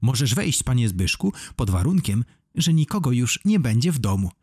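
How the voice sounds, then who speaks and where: A man's voice: medium pitch, very animated, normal speed, a little mellow, slightly rough, no room sound, clean studio sound. A man voicing a clever, bold young girl in a children's audiobook, in a raised, bossy, questioning tone.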